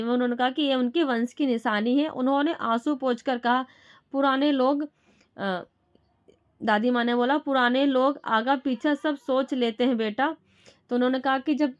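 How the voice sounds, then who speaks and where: A woman teacher reading a story passage aloud and then explaining it in simple words, often pausing and restarting. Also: high-pitched, lo-fi sound. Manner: halting, with restarts and fillers.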